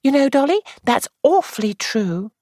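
A woman's voice: high-pitched, sing-song, moderate pace, warm tone, dry recording, studio quality, voice pushed up. A woman reading aloud and voicing a young actress who sounds anxious, dramatic and confiding.

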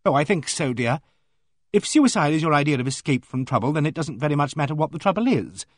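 A frank, plain-spoken older vicar's wife, as a male audiobook reader puts her on. She states hard things flatly and without fuss, her voice lifting now and then. The sound is dry and close. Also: on the high side, quick pace, no room sound. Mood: matter-of-fact. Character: blunt, elderly clergyman's wife.

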